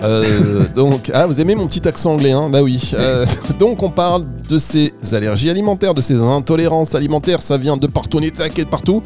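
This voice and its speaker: A man's voice: a little high, lively intonation, brisk, few pauses, music in the background. A man hosting a radio show, bantering playfully with his guest and introducing topics. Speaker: radio host.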